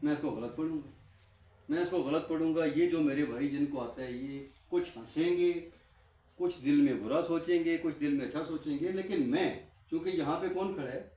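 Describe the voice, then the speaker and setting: A man's voice: fairly high pitch, dark tone. A man giving an impassioned classroom talk to trainees, asking rhetorical questions and answering them himself with lots of repetition. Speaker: guest speaker addressing trainees. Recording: echoey room, mic far off.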